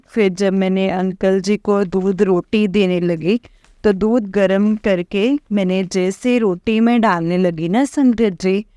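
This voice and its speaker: A woman's voice: medium pitch, dark tone, clean tone, dry recording, clean studio sound. A woman telling a rambling personal testimony to a congregation, full of hesitant fillers and repeated address to her listeners. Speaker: devotee sharing a testimony.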